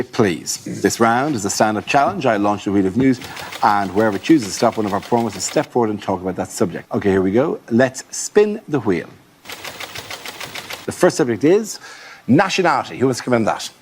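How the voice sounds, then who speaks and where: A man hosting a TV panel show, announcing rounds in a brisk, projected voice. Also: mid-range voice, animated, darkish tone. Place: TV studio with live audience. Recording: audience laughter and studio noise.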